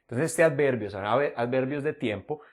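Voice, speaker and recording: A male teacher walks through English grammar in a classroom style. He explains each step slowly, repeats the example sentences, and voices his students' questions before answering them. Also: medium pitch.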